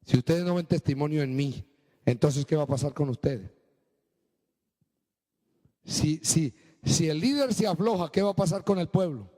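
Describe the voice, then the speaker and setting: A man preaching a sermon as pastor, swinging between low, slow stretches and high, emphatic bursts. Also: warm tone, big-room sound.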